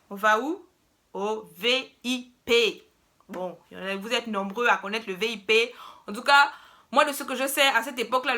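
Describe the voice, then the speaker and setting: Lively high-voiced woman storyteller. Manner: animated, playful, slangy storytelling. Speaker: vlogger. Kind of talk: casual storytelling.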